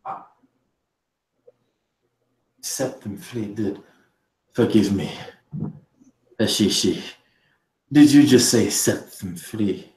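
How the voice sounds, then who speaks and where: A man's voice: on the low side, very slow, pauses often, darkish tone, reverberant, rough recording. A man voicing an anxious, scheming male court vizier who pleads and stammers. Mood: startled.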